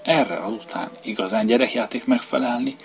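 A man's voice: mid-range voice, creaky. A man voicing a proud, scornful grass snake who hisses his words, over violin music. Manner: hissing.

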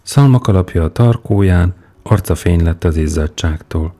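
A male storyteller reading a first-person story aloud with very low, gravelly tones. His delivery is measured and unhurried, the timbre dark and mellow. Faint music plays in the background. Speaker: narrator. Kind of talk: audiobook narration.

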